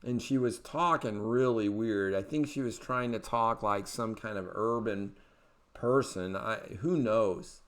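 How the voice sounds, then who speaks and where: A man's voice: lowish voice, unhurried. A man hosting a political commentary show, talking in a rambling way with many fillers and restarts. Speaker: podcast host.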